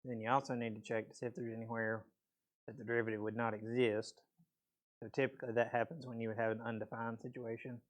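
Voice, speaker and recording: A man's voice: medium pitch, little pitch movement, quick pace. A man teaching a math class, explaining step by step in a casual way with frequent okays, his voice a bit weak and a peppermint in his mouth. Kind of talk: classroom lecture.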